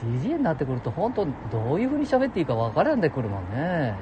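Gruff older man, heavy ramble. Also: on the high side, huge pitch swings, rapid-fire, dull audio, noisy background. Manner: gruff, jokey, talks to listeners as "お前". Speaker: solo audio show host. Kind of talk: rambling casual monologue. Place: outdoors beside a public toilet.

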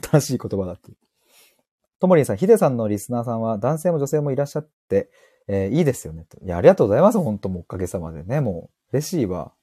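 A man's voice: fairly low pitch, warm tone, slightly rough, dry recording. A man hosting a live audio stream, reading listener comments aloud in a playful, giggly way from home on a close mic. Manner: playful and giggly, laughs often and teases himself. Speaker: podcast host.

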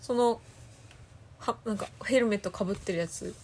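A woman co-hosting a casual talk podcast, chatting in a lively, giggly way and jumping high when excited. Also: moderate pace, husky. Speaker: podcast co-host. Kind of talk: casual chat.

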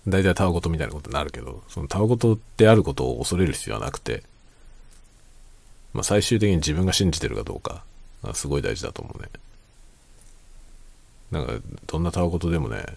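A man chatting casually in a quiet late-night monologue, musing and circling back over his own phrases. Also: lively intonation, quick pace, vocal fry, long pauses. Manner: quiet, low-voiced night-time talking. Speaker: host of a solo talk show.

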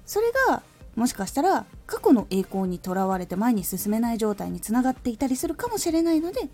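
A woman hosting a solo talk podcast, calmly and thoughtfully explaining her advice as a former voice actor. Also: on the high side, brisk, soft background music. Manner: calm, reflective explaining. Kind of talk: solo talk radio monologue.

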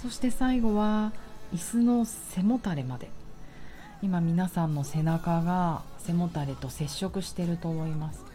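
A woman leading a guided grounding meditation, speaking slowly and soothingly with pauses as an exercise guide. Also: lowish voice, mellow, faint music behind. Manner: slow, pausing, soothing delivery.

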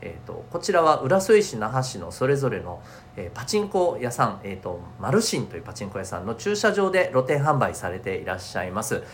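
A man's voice: medium pitch, big pitch swings, brisk, few pauses, a little hiss or hum. A man with a nasal, stuffed-up voice hosting a chatty solo show for schoolchildren and parents, speaking in polite, upbeat presenter phrasing. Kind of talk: chatty solo podcast talk.

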